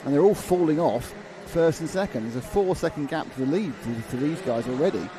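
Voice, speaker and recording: A man's voice: a little high, expressive, a little fast, background noise. A man commentating live on a kart race, chatty and thinking aloud with restarts. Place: outdoor kart track commentary point.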